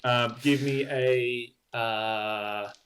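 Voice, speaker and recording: A man's voice: medium pitch, steady tone, very slow, fairly bright tone. A young man narrating as dungeon master, hesitant with many ums and likes. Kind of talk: narrating a tabletop game.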